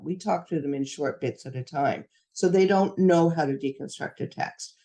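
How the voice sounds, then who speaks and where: A woman's voice: low voice, dark tone. A woman giving a professional development talk to teachers, explaining reading lessons step by step and acting out what to say to students. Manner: instructive, acts out teacher-student exchanges.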